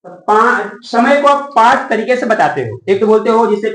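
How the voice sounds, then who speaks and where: A man teaching a class, constantly asking questions back and spelling words out slowly. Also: sits high, expressive, fairly bright tone. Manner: asks the class rhetorical questions and repeats answers; spells words letter by letter slowly, calls out key words. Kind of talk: classroom lesson. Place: classroom with students. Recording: echoey room, voice from far off the mic.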